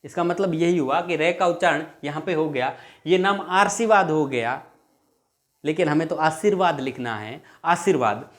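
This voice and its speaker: A man with a fairly high voice teaches grammar for exam preparation. He explains patiently, says example words again and again, and dictates rules word by word. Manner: explains patiently, repeats words slowly, asks students questions. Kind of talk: exam-prep lesson.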